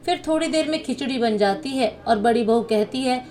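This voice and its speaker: A woman telling a moral family story in steady scripted narration. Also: a little high, normal speed.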